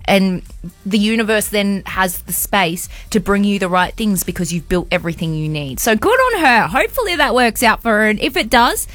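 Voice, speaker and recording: A woman's voice: medium pitch, big pitch swings, normal speed, fairly bright tone, no room sound. An Australian woman hosting radio in a chatty, colloquial, casual way. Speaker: radio host. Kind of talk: casual radio chat and live ad reads.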